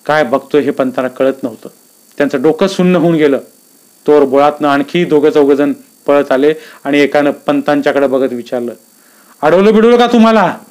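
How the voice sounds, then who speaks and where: Calm, measured man reading a story. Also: a little high.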